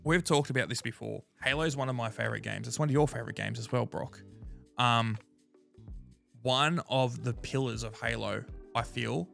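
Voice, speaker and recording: A man co-hosting a casual gaming podcast, talking in an animated, frank way and swearing freely. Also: mid-range voice, normal speed, vocal fry, faint music behind. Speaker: podcast co-host.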